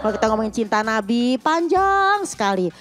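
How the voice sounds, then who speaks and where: A woman preacher giving a lively, joking religious talk to a TV studio audience, acting out voices as she tells a story. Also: on the high side, a little fast. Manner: playful, acts out quoted voices loudly. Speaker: guest preacher.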